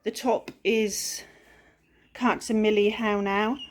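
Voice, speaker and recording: A woman's voice: medium pitch, little pitch movement, slow. A woman with a West Country English accent, chatting casually and rambling as she narrates her furniture painting. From England-Wales border, UK. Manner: chatty, rambling, self-deprecating. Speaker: furniture flipper. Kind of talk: casual DIY vlog narration.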